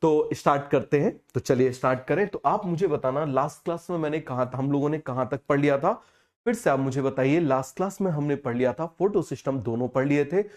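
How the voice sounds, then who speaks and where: A man teaching a biology class, unwell with a fever, who keeps asking questions and repeating the answers slowly. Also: a little high, darkish tone. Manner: call-and-response questioning, repeats key terms slowly. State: feverish, speaking slower than usual. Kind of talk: online class lecture.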